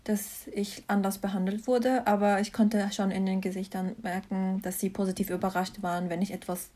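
A young woman from Mannheim in Germany, studying science, chats as an interview guest about what she has lived through. Her medium-pitched voice is mellow, flat in delivery, and moves at normal speed.

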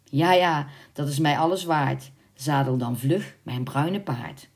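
A woman's voice: deep voice, takes it slowly. A woman doing a haughty, lustful young nobleman. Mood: eager. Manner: haughty and demanding. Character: proud arrogant young nobleman, lustful and grim.

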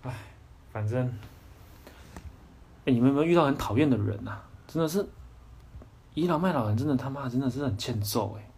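A young man with a Taiwanese Mandarin accent talks on a casual livestream podcast. His voice is husky and mid-pitched. He rants in a blunt, heated way and swears often. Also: animated, a little fast, long pauses, a little mellow. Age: young adult. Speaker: podcast host.

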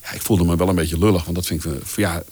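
A man's voice: low voice, fast talker, breathy edge, no echo. A man in his fifties from the Netherlands, a voice-over artist telling career stories in a casual interview, with many fillers, acting out the lines of others. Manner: animated anecdotes with many fillers, acts out quoted lines. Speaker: voice-over artist, podcast guest.

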